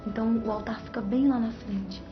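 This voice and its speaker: A woman's voice: a little high, fairly even intonation, a little fast. Woman telling her religious testimony. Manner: emphatic storyteller, often adds tag questions. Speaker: guest giving a religious testimony. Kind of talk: personal testimony in a TV interview. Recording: muffled broadcast sound with music underneath.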